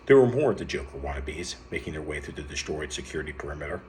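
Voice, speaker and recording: A man reading an adventure story aloud in a lively way, with sudden lifts in pitch and some stumbles over words. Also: fast, slight background noise.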